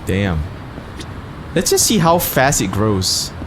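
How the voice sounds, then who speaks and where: With a fairly low, sing-song voice, a man hosts a laid-back let's play at a slow pace, and his remarks about the game are slangy and full of profanity. He's a gaming video host, and loud game sound runs underneath.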